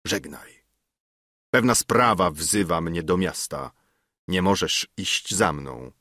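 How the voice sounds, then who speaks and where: Man voicing a stern old goldsmith sorcerer, calm, measured, low, slow, menacing. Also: no echo, studio quality, heavily acted. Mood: calm, ominous. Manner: calm, measured, quietly threatening.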